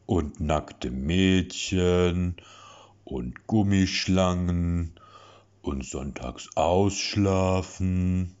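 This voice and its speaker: Man doing Lasse, a slow babyish brute. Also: darkish tone, clean tone. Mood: dreamy singsong. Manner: slow dreamy singsong, deep yet babyish. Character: dim-witted hulking male mercenary, childlike. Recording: dull lo-fi recording.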